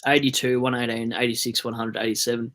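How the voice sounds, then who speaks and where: Aussie bloke on a livestream, casual chat, swears a bit, mock rants, mid pitch voice. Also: male voice, flat delivery, quick pace, fairly bright tone. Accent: Australian. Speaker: fantasy football livestream host.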